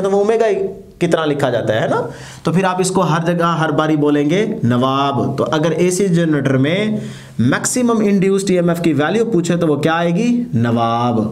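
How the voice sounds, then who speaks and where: Man, physics teacher, fairly high voice, step-by-step lecture, questions to the class.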